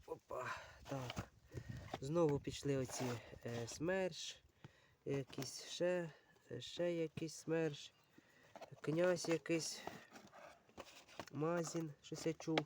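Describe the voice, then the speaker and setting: A book vlogger with a voice on the high side speaks slowly, with fairly even intonation and long pauses, over a noisy background. Casually working through a stack of books, he thinks aloud unhurriedly, uses many fillers, and speaks to viewers as friends.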